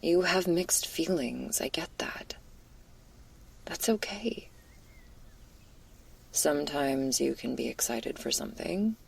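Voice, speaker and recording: Low and expressive, a woman performs a laid-back stoner werewolf girl for close-up ASMR, breathy and frequently whispering, teasing but caring, with crude casual slang. She speaks slowly with frequent pauses in an exaggerated voice, sounding soothing and reflective.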